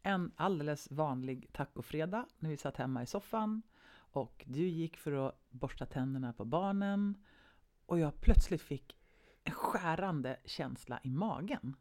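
A woman co-hosting a casual podcast conversation, telling a personal story vividly and varying her pace between brisk and slow. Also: deep voice, animated, dark tone. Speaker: podcast co-host.

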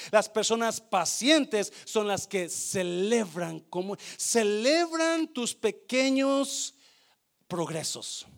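Preaching as a pastor, this man alternates loud urging with hushed asides and slips English phrases into his Spanish. He is animated and his voice is high-pitched.

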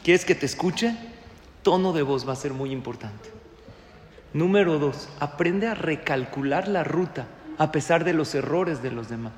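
A man giving a sermon as a rabbi, animated and joking, firing rhetorical questions at his audience. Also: on the high side, unhurried, slight background noise. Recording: echoey hall.

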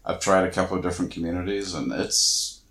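A man's voice: low-pitched, steady tone, fast, fairly bright tone, echoey room. A man from small-town New Zealand, co-hosting a podcast in easygoing, chatty conversation. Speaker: podcast co-host. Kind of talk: casual chat.

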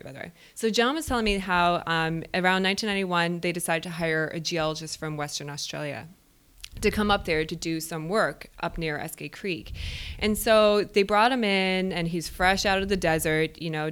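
A woman's voice: on the low side, normal speed, fairly bright tone, clear, resonant tone. A woman co-hosting a podcast, chatty and laughing often as she tells a field story. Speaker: podcast co-host. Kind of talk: casual storytelling chat.

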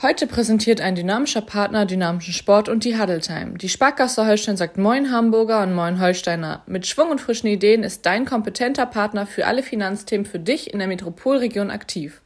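Woman reading a smooth sponsor ad. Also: medium pitch, a little fast, few pauses. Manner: smooth, even, promotional. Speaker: ad announcer. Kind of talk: scripted ad read.

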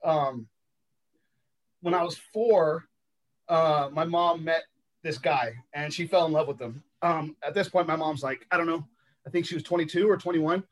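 This man from Los Angeles, United States, whose first language is sign language, tells his life story as a podcast guest. His voice sits on the high side, and he speaks reflectively and haltingly, with lots of ums and uhs.

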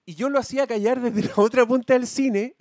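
A man with a Chilean accent telling an animated, slangy story among podcast co-hosts, swearing freely. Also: extremely high pitch, a little fast, no echo, clean studio sound. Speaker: podcast co-host. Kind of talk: casual storytelling chat.

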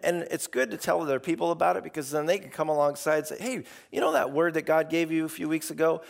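A man preaching an informal, emphatic sermon in a gravelly, hoarse voice that is starting to give out. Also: a little high, steady tone, fast talker. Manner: informal, emphatic, acts out imagined replies. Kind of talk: sermon, conversational exhortation to a congregation.

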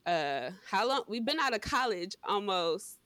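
A woman's voice: medium pitch, very animated, measured pace, fairly bright tone, no room sound, clean studio sound. A woman in her thirties from Cleveland, a podcast guest who talks in a laid-back way and laughs easily. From Cleveland, Ohio. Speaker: guest, entrepreneur and mom. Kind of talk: casual podcast interview.

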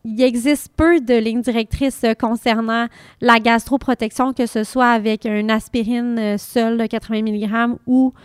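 A woman's voice: a little high, flat delivery, normal speed, clean tone, no echo, clean studio sound. A woman with a Quebec French accent, speaking as an expert guest and explaining methodically in an interview. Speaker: guest pharmacist.

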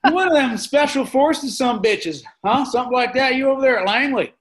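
A man putting on a loud crude roofer guy. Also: very high-pitched, animated, fairly quick, pitched above the performer's own voice. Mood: mocking. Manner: rough, crude, mocking. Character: crude loud male roofer, drinks early.

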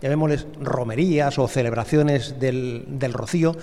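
A man's voice: mid-range voice, moderate pace, dark tone. A man hosting a radio interview, asking courteous, formal questions and introducing his guests. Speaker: radio host. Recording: reverberant room.

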